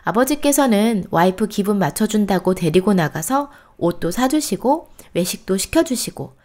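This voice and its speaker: A woman hosting a storytelling channel, reading a reader's post aloud in an expressive, steady cadence. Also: mid-range voice, normal speed.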